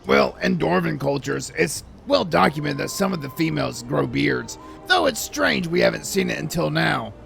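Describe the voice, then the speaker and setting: A man playing an eccentric, rambling historian with a gravelly voice in a nature documentary parody. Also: fairly high pitch, animated, normal speed, few pauses, a bit bright, exaggerated voice. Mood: insistent, conspiratorial. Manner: rambling, insistent, repetitive. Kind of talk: comic expert commentary in a nature documentary parody. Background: music.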